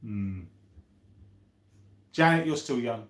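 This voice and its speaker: Slow and expressive, this mid-range male voice belongs to a man in his fifties chatting on a live stream. He reads viewers' comments aloud and answers them in a friendly, meandering, think-aloud manner, all in an echoey room.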